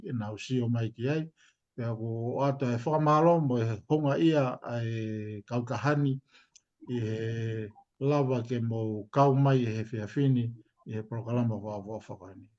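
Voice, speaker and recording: A man with a Tongan accent speaking informally on a community live discussion in a halting, deliberate, repetitive way. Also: medium pitch, mellow. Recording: dull lo-fi stream audio.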